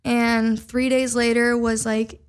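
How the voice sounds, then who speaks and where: A young singer from Minnesota, appearing as a podcast guest, tells her story slowly in a fairly high voice with little pitch movement. Her chatty storytelling is full of "like" fillers.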